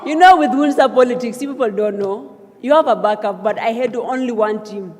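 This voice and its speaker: In a large hall with long reverb, a young adult woman from South Sudan gives her acceptance speech after being elected to lead a student association. The speech is earnest and emphatic, rising to calls of thanks, and her voice is on the high side and fairly quick.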